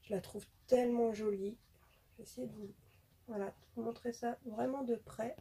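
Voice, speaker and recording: A woman's voice: on the high side, fairly even intonation, moderate pace, dark tone, slightly rough. A woman chatting casually as a beauty vlogger showing off her haul, hesitating often with fillers. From France.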